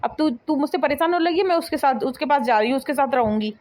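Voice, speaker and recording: Cartoon: nagging elderly mother-in-law, high-pitched and scolding. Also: expressive, fast, noisy background. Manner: scolding, complaining.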